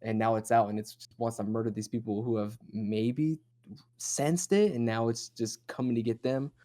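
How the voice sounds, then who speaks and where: A man hosts a horror discussion show, chatting casually through an analysis of horror lore in a rambling, speculative, sometimes profane way. His voice is medium-pitched, steady and mellow, at a moderate pace.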